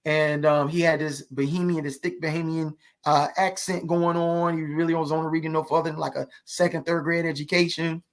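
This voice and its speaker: This actor, a podcast guest, has a notably high-pitched voice and talks briskly with little pitch movement and hardly a pause. In a conversational interview he tells loose stories, driving his points home with rhetorical questions and small check-ins.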